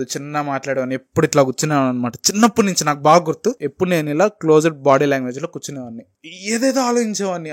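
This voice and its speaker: A young man in his twenties with a Telugu accent, telling a candid personal story as a vlogger and slipping English phrases into his talk. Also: a little high. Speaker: motivational vlogger.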